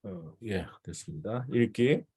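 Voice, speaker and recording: A man's voice: lowish voice, lively intonation, unhurried, a little mellow, husky. A male missionary teaching a devotional seminar in a conversational way, often checking in with his listeners.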